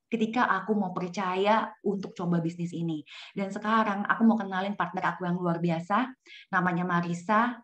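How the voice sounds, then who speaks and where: A woman's voice: fairly low pitch, steady tone, moderate pace, fairly bright tone. A woman giving a casual business testimonial in a chatty way, dropping in English phrases. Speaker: business presenter. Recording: slightly dull lo-fi sound.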